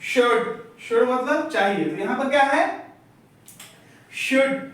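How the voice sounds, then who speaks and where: A man's voice: extremely high pitch, lively intonation, slow, a bit bright. A male teacher giving a classroom lecture, asking questions and having the class repeat the answers. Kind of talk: classroom lecture drilling vocabulary. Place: echoey classroom. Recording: echoey room, far from the mic.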